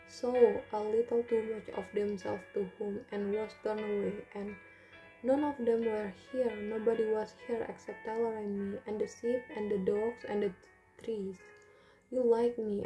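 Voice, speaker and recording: Mellow-voiced woman narrating a novel. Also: mid-range voice, poor audio. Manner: earnest, emotional storytelling. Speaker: audiobook narrator. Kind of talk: first-person novel narration.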